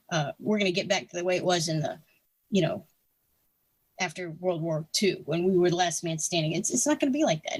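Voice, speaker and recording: A woman's voice: lowish voice, husky, dry recording. A woman of sixty, a podcast guest, giving frank, opinionated views in casual talk full of restarts and fillers. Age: 60s.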